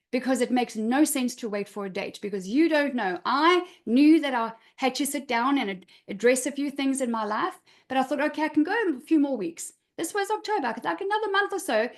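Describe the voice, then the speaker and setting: A middle-aged woman, a confidence coach, earnestly telling a personal story on a video call and repeating her key points for emphasis. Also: fairly high pitch.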